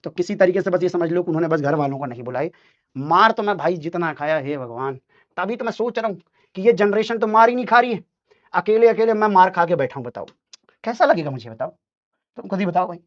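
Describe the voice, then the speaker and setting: A teacher telling his students a childhood school story, dramatic and animated, putting on voices for the people in it. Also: high voice, fast. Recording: dull lo-fi sound.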